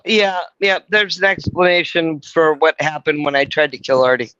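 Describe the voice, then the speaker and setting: A woman's voice: low voice, steady tone, normal speed, a bit bright, clear, resonant tone, dry recording, muffled recording. A middle-aged woman hosting a livestream, rambling and crude, mocking herself as she chats. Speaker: livestream host. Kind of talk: casual livestream chat.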